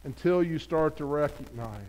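A male pastor with a high voice delivers a sermon in an earnest, conversational tone. He speaks straight to the congregation and often stops to ask them direct questions. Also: normal speed, a little mellow, slight background noise.

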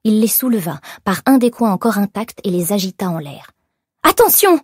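A woman narrating an audiobook in measured, expressive storytelling. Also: medium pitch, slightly rough, no room sound, studio quality. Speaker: audiobook reader. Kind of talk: scripted narration.

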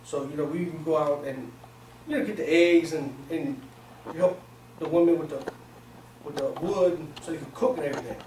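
A Pakistani man in his forties who grew up in Virginia, and whose first language isn't English, gives an informal motivational seminar talk to a small group in colloquial, streetwise language. His voice is on the high side at a normal speed. A distant camera mic picks him up in an echoey, noisy small conference room.

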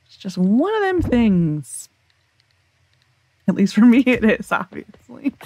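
Thinking aloud as she plays, this gaming video host from the United States offers rambling, casual commentary in a General American accent. Her slightly high voice swings widely in pitch, moves slowly and sounds warm, and the recording is dry.

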